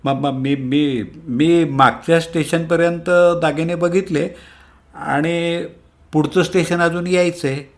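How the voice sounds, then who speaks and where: A man's voice: on the high side, fairly even intonation, takes it slowly, voice pushed up. A man doing a blustering, flustered older husband. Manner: stammering, blustering.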